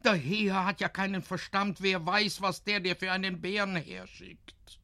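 A man's voice: high-pitched, steady tone, unhurried, vocal fry, bright, forceful tone, voice pushed up, exaggerated voice. A man voicing a worried, scolding storybook mother, the wife of a forest robber. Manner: fretting, scolding.

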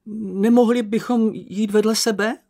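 A man voicing a small, timid, boastful male creature in an audiobook, with a squeaky, anxious, whiny manner. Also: fairly even intonation, vocal fry, dark tone. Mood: fearful. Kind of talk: audiobook character voice.

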